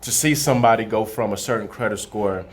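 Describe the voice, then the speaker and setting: A man's voice: on the low side, brisk. A young man from Haiti, a guest on a radio interview, talking earnestly and casually, always asking "you know what I'm saying". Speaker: guest, credit repair consultant.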